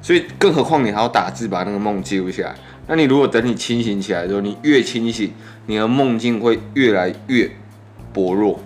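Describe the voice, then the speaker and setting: A young man with a Taiwanese Mandarin accent speaks in a low register. His words are a little thick and muffled, as he talks with braces on. He hosts casually, in a laid-back, joking way. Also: animated, fairly quick, soft background music. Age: 20s. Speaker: podcast host. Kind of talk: casual chat.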